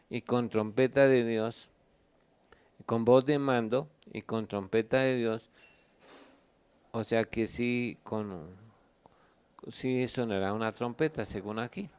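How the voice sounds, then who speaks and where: Answering Bible questions in a teaching Q&A, a pastor from Colombia uses a steady, clean, slightly mellow mid-range voice. He goes into long explanations, reads verses aloud and pauses while he searches for them.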